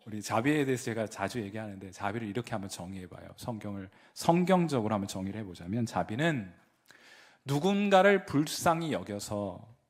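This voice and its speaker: A man preaching a sermon as pastor in a church, moving from hushed asides to loud fervent pleading. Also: on the high side. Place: church sanctuary.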